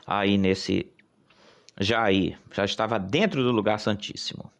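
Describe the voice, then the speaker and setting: A man's voice: lowish voice, measured pace, vocal fry. Man preaching in emphatic repetitive bursts. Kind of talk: sermon.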